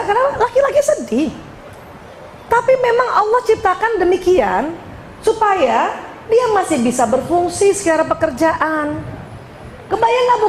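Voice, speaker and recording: Woman, religious lecturer, playful, questions the audience, high voice, faint room noise. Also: roomy sound, rough recording. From Indonesia. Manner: lively, joking, addresses audience directly.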